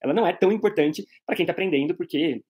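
A man's voice: on the high side, very fast, darkish tone, breathy edge. A man with a Brazilian Portuguese accent teaching an English pronunciation lesson, patiently explaining and modeling vowel sounds aloud.

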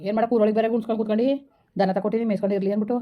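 Very fast blunt village guy played by a woman, dull lo-fi audio. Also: mid-range voice, flat delivery, lightly acted. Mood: offhand. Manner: blunt, offhand, rapid. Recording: dull lo-fi recording.

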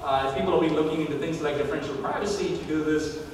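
A man's voice: fairly high pitch, steady tone, slight background noise. Man lecturing in an echoey hall. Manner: measured, many "uh" fillers while thinking. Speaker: keynote speaker. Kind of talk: conference keynote lecture. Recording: echoey hall recorded from far off.

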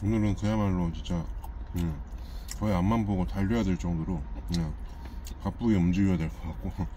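Low-voiced man talking while chewing. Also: a little fast, dark tone, slight background noise. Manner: plain, matter-of-fact, frequent "네" fillers. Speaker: truck driver vlogger. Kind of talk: casual eating vlog chat. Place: parked truck cab.

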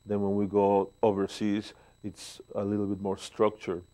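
A Mexican man in his sixties, speaking with a Mexican Spanish accent, is a guest bass player in a relaxed interview, seated on a living room sofa with a lapel mic. His voice is lowish and monotone, yet warm as he tells stories, pausing often with fillers.

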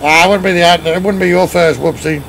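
Streaming from his home gaming room, a middle-aged man with a strong Australian accent chats casually over a headset, bantering with friends, swearing playfully, and thanking chat viewers by name. His voice is a bit high and fairly bright, fairly quick with fairly even intonation, and a faint hum sits in the background.

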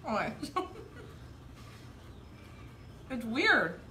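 A woman's voice: fairly high pitch, big pitch swings, drawn-out words, pushed and bright, roomy sound, a little hiss or hum. Giggly woman talking while chewing. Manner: giggly, laughs between words. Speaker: taste tester, co-host. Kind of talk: casual chat. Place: home patio.

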